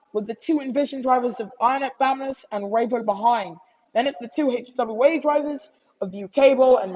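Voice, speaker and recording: High-pitched woman motorsport commentator, lo-fi sound. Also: no echo. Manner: motorsport commentator calling action, voice rising on incidents. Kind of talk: live race commentary. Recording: dull lo-fi microphone.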